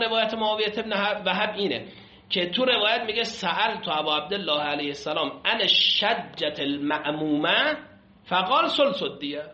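A man's voice: fairly high pitch, bright, forceful tone. A man teaching a class, reading Arabic text aloud and explaining it in Persian, often asking his students questions. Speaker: seminary teacher. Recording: echoey room, muffled lo-fi sound.

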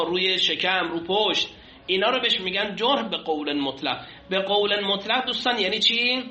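A male teacher lectures to a class, walking through a text line by line and stopping to quiz his listeners. His voice sits high and sounds very bright and sharp. The room is echoey and the recording sounds dull and lo-fi. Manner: explains step by step, often asks the class questions. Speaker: seminary teacher. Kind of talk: classroom lecture on Islamic law texts. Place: classroom with a whiteboard.

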